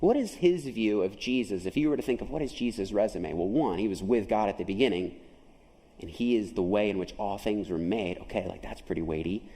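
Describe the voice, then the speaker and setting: Pastor with a mellow voice preaching in a chapel. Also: male voice, fairly low pitch, a little fast, big-room sound, low-quality recording. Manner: emphatic, asks the audience questions. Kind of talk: sermon.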